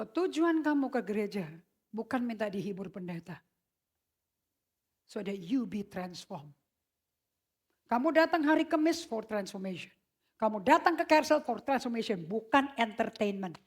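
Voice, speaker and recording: A woman preaching a sermon in a casual, slangy way, mixing in English phrases and swinging from loud shouts to hushed whispers. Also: on the high side. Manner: mixes English phrases into her speech; casual slangy emphatic delivery.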